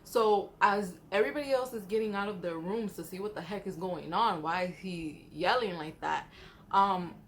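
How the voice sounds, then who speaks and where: Woman telling spooky stories over background noise. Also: mid-range voice. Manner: chatty, slangy, acts out quoted dialogue. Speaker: storyteller. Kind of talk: casual spooky storytelling.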